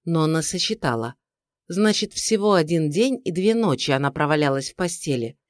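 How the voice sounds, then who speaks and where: A man delivers calm, measured audiobook narration in a voice pitched a little on the higher side. The recording is dry and close, with no echo.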